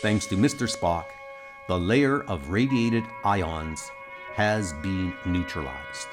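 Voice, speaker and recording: A man's voice: sits low, takes it slowly, over music. A man voicing an earnest, resolute starship captain in a dramatized comic-book dub. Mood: measured.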